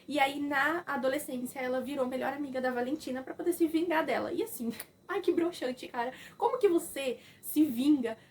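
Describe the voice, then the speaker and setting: A young woman with a Brazilian Portuguese accent recaps a film in a casual, animated way and slips into the characters' lines as she goes. Her voice sits high. A faint hiss runs under the recording. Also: brisk. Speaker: film reviewer.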